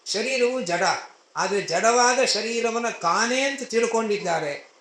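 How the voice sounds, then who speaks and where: A man's voice: high voice, expressive, unhurried, bright, forceful tone, voice pushed up, heavily acted. A man voicing a proud male demon king who scornfully lectures his grieving family, recorded in an echoey hall.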